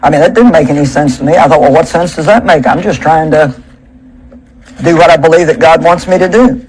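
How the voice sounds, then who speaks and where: A woman's voice: low voice, a little fast, a little mellow, a little hiss or hum, poor audio. A woman preacher delivering a sermon at a pulpit microphone, speaking in a conversational, emphatic way and asking rhetorical questions.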